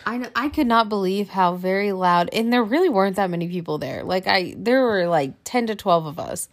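A woman's voice: medium pitch, lively intonation, brisk. A woman co-hosting a casual podcast chat with her husband, chatty, laughing often, full of fillers. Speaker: podcast co-host.

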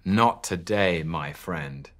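A man's voice: deep voice, lively intonation, slow. A man voicing a brave male potato superhero in a storybook reading, speaking in a firm, heroic way.

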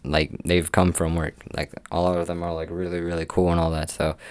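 Young dude rambling about his job, deep voice, says like a lot, dry sound. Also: level tone, brisk, clean tone, no room sound. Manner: rambling, heavy use of "like" fillers. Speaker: amusement park game attendant. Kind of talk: casual storytelling vlog.

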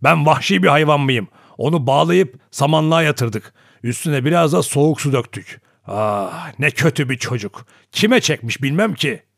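A man doing a harsh shouting old grandfather. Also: mid-range voice, sing-song, measured pace, few pauses, slightly rough, no room sound, studio quality, exaggerated voice. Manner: harsh, loud, commanding.

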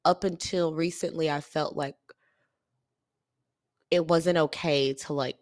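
A woman hosting a solo podcast, talking in an earnest, confiding way with soft laughs, tired. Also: deep voice, steady tone, slow pace, no echo, studio quality. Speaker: podcast host. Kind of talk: reflective solo podcast talk.

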